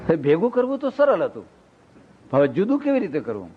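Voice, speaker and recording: An older man giving a storytelling sermon as a monk, animated and acting out the people in his stories. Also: on the high side, fast talker, breathy edge. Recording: dull lo-fi recording.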